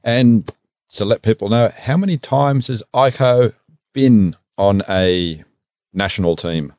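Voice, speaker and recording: A man hosting a podcast, asking a guest long, measured questions. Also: on the low side, darkish tone, no echo, clean studio sound. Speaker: podcast host. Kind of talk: interviewing a guest.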